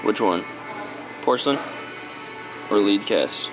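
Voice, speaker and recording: Vlogging casually to the camera, this twenty-something American man throws in bro-ish slang for his audience from his car, big warehouse stores and a parking lot. Over music and noisy car and store ambience, his lowish voice is animated but unhurried.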